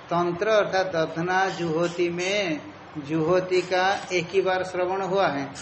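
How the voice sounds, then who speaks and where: A man with a high voice lectures on Sanskrit philosophy, going patiently step by step and circling back to repeat each key term. The room is echoey and reverberant, with a faint hum of background ambience. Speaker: Sanskrit teacher.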